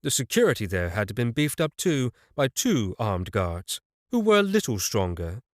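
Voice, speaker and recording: A man's voice: medium pitch, very animated, moderate pace, dry recording, clean studio sound. A man narrating a fantasy audiobook in the first person, telling it evenly with a wry touch.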